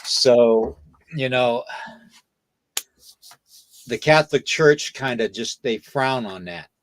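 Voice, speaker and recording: A man's voice: mid-range voice, expressive, slow pace, slight background noise. Man lecturing with repeated "okay?". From United States. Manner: lecturing, peppers points with "okay?" and "you know". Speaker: podcast host. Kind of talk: casual podcast talk.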